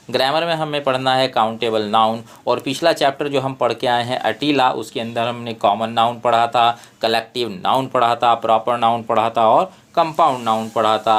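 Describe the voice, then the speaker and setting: A man with an Indian English accent, a tutor who slowly reads out textbook exercises and explains them. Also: medium pitch, fairly even intonation, a bit bright, smooth. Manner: slow, deliberate reading of English prompts, explains in Hindi.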